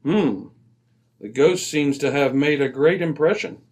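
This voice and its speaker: In an old-time radio drama, a man plays a composed, observant British gentleman detective who sounds crisp, dry and slightly superior. His voice sits on the high side, with lively intonation and an unhurried pace.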